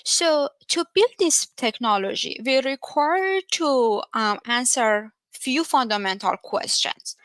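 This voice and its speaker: A woman's voice: high voice, lively intonation, slow pace, few pauses, a bit bright, no room sound. A woman from Iran with an Iranian accent, a research scientist giving an earnest technical talk at a virtual developer event, with frequent fillers. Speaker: conference speaker, research scientist. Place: home, via video call.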